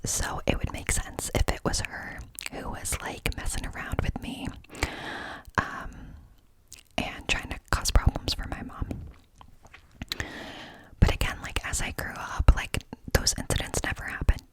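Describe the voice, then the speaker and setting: A woman speaks entirely in a breathy, unvoiced whisper, hushed as if everyone else is asleep at night. She tells her story casually, wandering conversationally from thought to thought, cupped close to the microphone in ASMR style. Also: measured pace, low-quality recording. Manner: hushed, quiet-at-night confiding. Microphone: close microphone with cupped hands.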